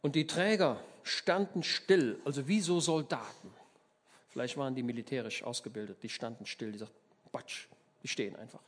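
A German man preaching a sermon, telling the story in a lively way, acting out the people in it and often asking his listeners for agreement. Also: mid-range voice, a little fast. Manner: lively storytelling, acts out voices, asks the listeners questions.

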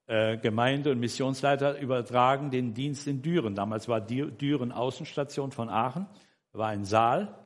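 An older man telling a personal faith story in a rambling, conversational way, with frequent tag questions and self-corrections. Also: medium pitch. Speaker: church member giving a personal testimony. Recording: long hall reverb.

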